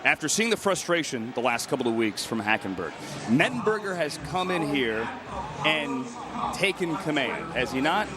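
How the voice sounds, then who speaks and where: A man's voice: on the high side, very animated, moderate pace, a crowd in the background. A man calling American football play-by-play in short, punchy phrases from a stadium. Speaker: play-by-play announcer. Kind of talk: live American football commentary. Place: outdoor football stadium broadcast. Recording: loud outdoor stadium noise behind voice.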